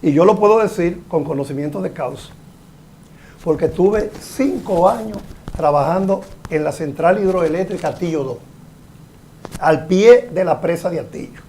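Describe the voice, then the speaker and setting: An older man, speaking as an engineer guest in a panel talk show, explaining in a measured, sometimes emphatic way. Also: on the high side, darkish tone, slight background noise. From Dominican Republic.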